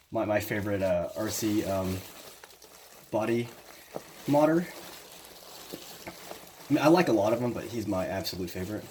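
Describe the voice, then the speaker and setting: A man's voice: on the low side, a little mellow, a little hiss or hum. A man hosting a casual unboxing vlog, chatty and loose, with lots of fillers, moving around the camera mic as he works. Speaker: vlogger.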